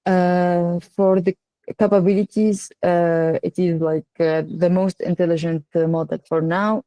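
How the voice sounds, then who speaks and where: A woman with a North African, Tunisian accent presents an online workshop in a halting way with frequent filled pauses. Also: lowish voice, flat delivery, mellow, no echo. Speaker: workshop speaker, AI engineer. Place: online video call.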